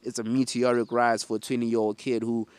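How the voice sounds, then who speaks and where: A man's voice: mid-range voice, flat delivery, fairly quick, darkish tone, clear, resonant tone. Male football fan host, casual and opinionated, urban slang and swearing, level intonation. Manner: slangy urban talk, peppered with bro, fam and mandem.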